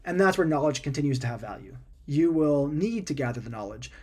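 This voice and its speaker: A man talking casually about software and AI, conversational and full of fillers, repeating words and tossing in animated asides. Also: on the high side, fairly quick. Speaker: product maker talking about AI and coding. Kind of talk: casual explanatory talk.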